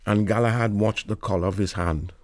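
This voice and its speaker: A man reading a novel aloud in a lilting, expressive storytelling manner. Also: lowish voice, brisk, no room sound, clean studio sound. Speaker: reader.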